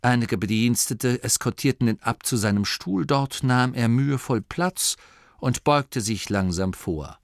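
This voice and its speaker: A man reading a storybook aloud as narrator, in an expressive, measured way. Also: medium pitch, dry recording. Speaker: audiobook narrator.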